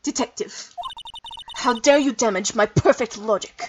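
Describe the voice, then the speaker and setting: A woman's voice: on the high side, measured pace, far from the mic, background noise, close to an everyday voice. A woman voicing a haughty, scornful young female prosecutor with a put-on German accent. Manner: cold, scornful, commanding.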